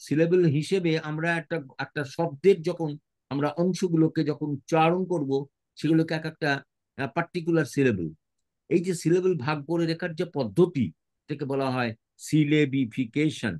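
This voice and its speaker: A man with a Bengali accent teaching an English lesson, reading lines slowly, then explaining and spelling words letter by letter. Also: a little high, darkish tone.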